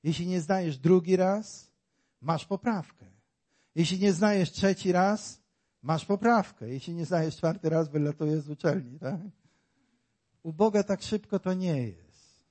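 Male preacher, high-pitched and unhurried, working the congregation with questions and emphatic rises. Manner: emphatic, rising and falling between loud exclamations and quiet asides; talks directly to the congregation with rhetorical questions. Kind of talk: sermon.

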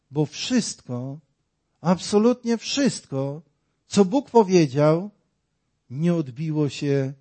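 A man's voice: fairly high pitch, warm tone. A man preaching a sermon, dramatic and full of rhetorical questions, acting out the voices in his story.

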